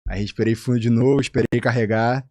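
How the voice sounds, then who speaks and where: A man from Rio de Janeiro with a Carioca accent, a physician guest telling a personal story in a casual, animated way and acting out the voices of the people in it. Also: fast, no room sound, clean studio sound. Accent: Carioca Brazilian Portuguese. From Rio de Janeiro, Brazil. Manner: animated, acts out quoted voices with big pitch jumps.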